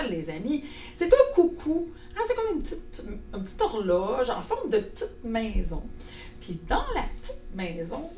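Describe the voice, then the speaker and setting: A woman with a Québécois accent leads a children's music lesson in a bright, lively, sing-song voice that swoops up and down. She sounds set back from the mic in an echoey room, with a faint hum underneath. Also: mid-range voice, far from the mic. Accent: Québécois French. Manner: animated, sing-song, addresses children warmly. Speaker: music teacher.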